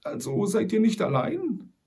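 A man's voice: sits high, huge pitch swings, measured pace, warm tone, voice pushed up, heavily acted. Sam Hawkins, a man playing a wry old trapper. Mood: gruff, suspicious. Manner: quirky old-timer speech sprinkled with English. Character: old male frontier trapper, wry and stubborn.

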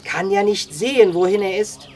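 A reader voicing Dick Stone, a gruff frontiersman who grumbles in clipped sentences. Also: mid-range voice, normal speed, a little mellow, a little hiss or hum, pitched above the performer's own voice, lightly acted. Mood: grumbling.

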